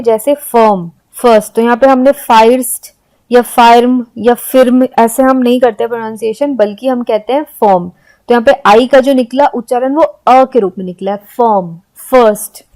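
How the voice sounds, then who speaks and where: A woman gives a spoken-English lesson. Her voice sits somewhat high, and she spells out letters one by one before saying each example word with slow, careful emphasis. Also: darkish tone. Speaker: English teacher.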